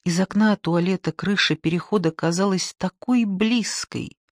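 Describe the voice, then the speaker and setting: A narrator reading a novel aloud in an expressive storytelling manner. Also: mid-range voice, normal speed, no room sound, clean studio sound. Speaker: audiobook narrator. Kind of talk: scripted audiobook narration.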